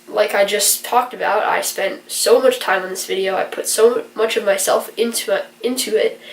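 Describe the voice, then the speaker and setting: A young adult woman with a medium-pitched voice, stuffy-nosed and sick with a virus, earnestly explains things in a rambling, casual vlog full of fillers. She's a vlogger and college student, recorded away from the mic with roomy echo.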